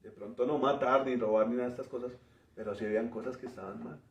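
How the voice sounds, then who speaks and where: A man preaching a teaching sermon, explaining word meanings in a measured way and often ending phrases with a questioning tag. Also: medium pitch, steady tone. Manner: pauses and restarts while working through word meanings. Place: church. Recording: roomy, distant, dull church recording.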